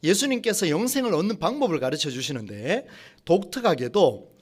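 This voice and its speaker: Male pastor preaching, voice swoops up and down a lot, kinda high for a guy, throws questions at the church. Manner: lively preaching with rhetorical questions to the congregation; slows and rises when reading scripture aloud. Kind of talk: sermon.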